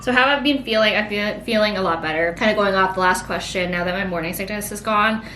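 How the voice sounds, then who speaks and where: A woman in her late twenties chatting casually through a pregnancy Q&A, rambling and filling her sentences with "like". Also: fast. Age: late 20s. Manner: rambling, heavy use of "like". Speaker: vlogger. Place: home. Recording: echoey room, faint rumble.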